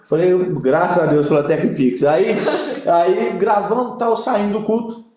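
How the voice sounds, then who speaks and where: A man's voice: high-pitched, a little slow. A young Brazilian man, a pastor, telling funny stories in a casual interview and acting out the voices of the people in them. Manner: animated comic storyteller, acts out quoted voices. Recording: echoey room.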